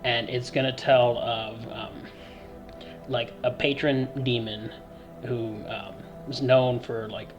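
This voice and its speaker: A man running a tabletop game as game master, narrating in a loose, halting way. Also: mid-range voice, little pitch movement, muffled recording, music in the background.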